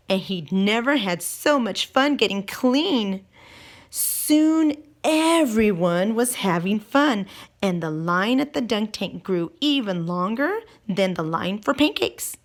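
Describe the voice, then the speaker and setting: A teacher reads a picture book aloud to young children in an animated way, her pitch leaping around a lot. There's some creak in her voice, and she leans on key words with drawn-out, expressive emphasis while posing questions to her audience.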